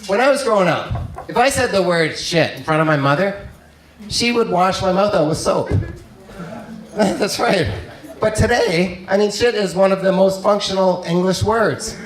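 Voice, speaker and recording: A man from Canada doing a stand-up routine in a comedy club, delivering deadpan one-liners and mock foreign phrases. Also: high-pitched, measured pace. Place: comedy club with live audience. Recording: echoey club, loud crowd laughter.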